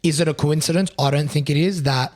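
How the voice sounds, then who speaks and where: Hoarse raspy young man, earnest. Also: a little high, steady tone, fast talker, darkish tone. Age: 20s. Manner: earnest, reflective, many "you know" fillers. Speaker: podcast co-host. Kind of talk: casual podcast chat.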